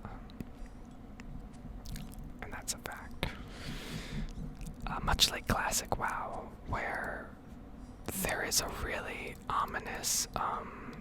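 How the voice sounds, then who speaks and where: A female gaming ASMR creator whispers breathily, letting her commentary on the gameplay wander at an unhurried pace.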